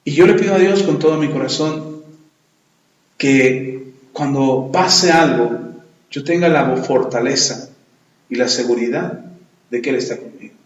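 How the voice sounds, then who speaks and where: A middle-aged man, preaching a sermon in an earnest, animated way, often with rhetorical questions. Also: mid-range voice, measured pace, long pauses, muffled recording. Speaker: pastor. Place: church. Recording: very echoey church room.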